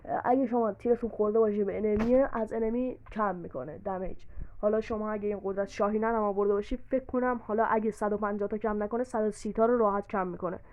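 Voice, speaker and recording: A woman's voice: medium pitch, steady tone, phone-quality sound. A woman casually narrating a game guide, chatty and explaining things with examples and many fillers. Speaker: gaming YouTuber.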